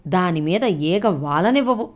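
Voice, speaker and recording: A woman voicing a sharp-tongued, nagging old grandmother in a read-aloud story, scolding and grumbling. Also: lowish voice, expressive, unhurried. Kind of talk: storytelling with character voices.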